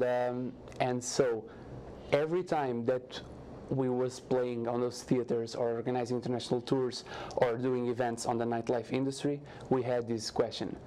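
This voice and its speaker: A young man from Portugal with a Portuguese accent, answering as a guest in a TV studio interview, halting with frequent restarts. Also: medium pitch, dark tone, a little hiss or hum. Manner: halting, many restarts and fillers, earnest. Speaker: guest, startup founder.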